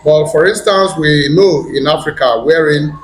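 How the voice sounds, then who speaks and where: A man with a Nigerian accent, a priest who lectures in philosophy, giving a measured academic talk with filler phrases. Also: a little high. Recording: echoey room, faint noise.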